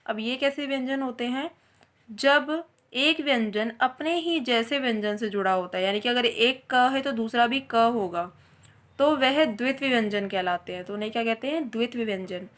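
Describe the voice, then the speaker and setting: A woman's voice: a little high, moderate pace, fairly bright tone. A woman teaching a Hindi grammar lesson, explaining step by step and answering her own questions as she goes.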